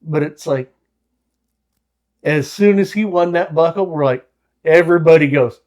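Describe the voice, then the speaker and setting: A man co-hosting a podcast in casual, profane chat, easygoing and quick to agree. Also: on the high side, darkish tone. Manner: laid-back, profane, laughs along. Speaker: podcast co-host.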